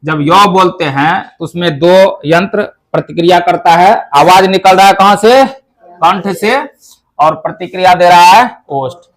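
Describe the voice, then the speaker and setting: A man teaching a Sanskrit pronunciation lesson, explaining step by step, asking questions and answering them himself, and saying each sound slowly to demonstrate it. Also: sits high.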